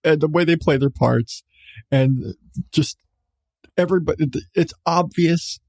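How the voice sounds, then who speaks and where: A man hosts a podcast with a casual, rambling review, full of halting starts, repeated phrases and irreverent swearing. His voice is medium-pitched with a dark tone, and the recording is dry.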